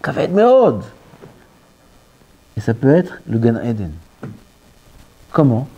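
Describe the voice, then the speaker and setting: Animated rabbi, dark voice. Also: male voice, medium pitch, takes it slowly, creaky, husky. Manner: animated, dropping to near-whispers and rising again; mixes Hebrew terms into French. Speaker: rabbi giving a Torah talk. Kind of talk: sermon.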